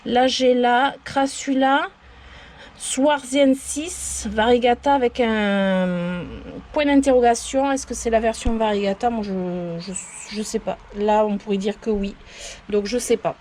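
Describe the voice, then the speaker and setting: A woman's voice: a little high, fairly even intonation, unhurried, darkish tone, slight background noise. A woman giving a casual tour of her potted succulents outdoors, rambling and often unsure of the plant names. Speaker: plant vlogger. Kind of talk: casual show-and-tell tour.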